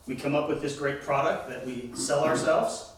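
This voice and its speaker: Man, church teacher, emphatic lecture style, slightly high voice, very echoey room, distant mic. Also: steady tone, normal speed, a little hiss or hum. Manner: emphatic, asks the class questions. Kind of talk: Bible class lecture.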